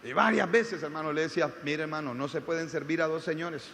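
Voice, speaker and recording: A man with a high, bright voice preaches in a church, shifting from storytelling to rising, shouted exhortation. The long reverb of the hall and a faint hiss sit behind him. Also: brisk, vocal fry. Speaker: pastor. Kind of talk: sermon.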